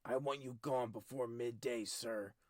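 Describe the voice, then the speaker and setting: A man's voice: mid-range voice, steady tone, unhurried, dry recording, close to an everyday voice. A man doing a stern cold king. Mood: commanding. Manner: clipped, commanding, raised and forceful. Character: stern, cold middle-aged male king.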